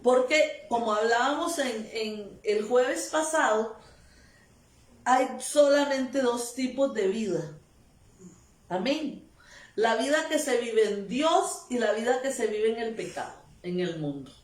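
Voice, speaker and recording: Slow, high-voiced woman preaching a sermon. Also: expressive. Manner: emphatic, repetitive, calls of amen. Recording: echoey room, voice from a distance.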